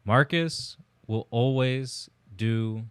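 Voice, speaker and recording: A man's voice: mid-range voice, drawn-out words, clean tone, no echo. A young man co-hosting a casual podcast, telling laid-back stories and swearing now and then. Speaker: podcast co-host. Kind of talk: casual chat. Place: shared house.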